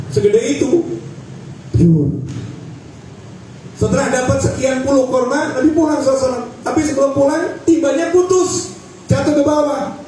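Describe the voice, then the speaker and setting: A man preaching a Ramadan sermon with animated swings between loud exhortation and low drawn-out words, repeating phrases in rhythmic runs. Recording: echoey, from far off, faint noise.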